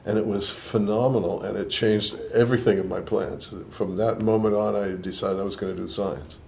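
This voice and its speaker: Recalling his life in an interview, an older Boston scientist speaks in a lowish, gravelly, warm voice with a steady tone and normal speed. His accent mixes Boston and New York, his reflective answers are thoughtful with frequent restarts, and a little hiss or hum can be heard.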